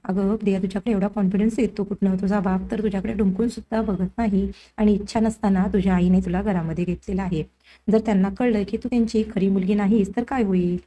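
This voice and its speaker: A sly middle-aged man taunts with mock politeness, as read by a woman narrator. The voice stays mellow and level, part of a drama recap. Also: medium pitch, steady tone, quick pace, natural voice. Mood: taunting. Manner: mocking, taunting.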